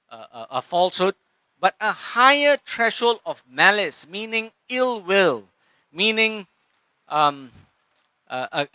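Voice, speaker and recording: A Singaporean man giving an impassioned public speech at a rally, with halting pauses and restarts. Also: high-pitched, bright, forceful tone, no room sound.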